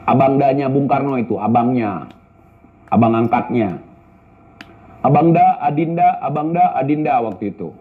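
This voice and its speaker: A man's voice: medium pitch, animated, normal speed, long pauses. A man giving casual spoken commentary and answering viewer questions, blunt and scolding, full of rhetorical questions. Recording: tinny phone-like audio.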